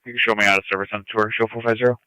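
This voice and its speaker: A man's voice: lowish voice, level tone, racing, pushed and bright, smooth, no room sound. A man calling dispatch over a police scanner radio in terse, clipped codes. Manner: clipped, businesslike. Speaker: emergency unit calling dispatch. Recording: muffled scanner radio transmission.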